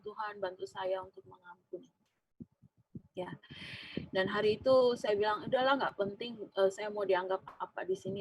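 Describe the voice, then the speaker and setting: A woman's voice: medium pitch, creaky, breathy edge, no echo, low-quality recording. A woman giving a sermon at a prayer fellowship, telling a personal workplace story with many fillers and acted-out dialogue. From Indonesia. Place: church fellowship room.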